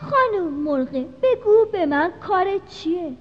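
A mischievous little boy begs in a whiny, pleading storybook voice. The voice is very high and sounds dull and a bit distant. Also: very animated, soft background music. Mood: pleading, playful. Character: playful naughty little boy. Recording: dull audio from off-mic.

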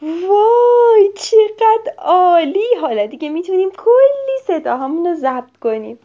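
A woman's voice: a little high, sing-song. A woman voicing an eager, generous little child who squeals with delight. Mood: excited. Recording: slightly dull lo-fi recording.

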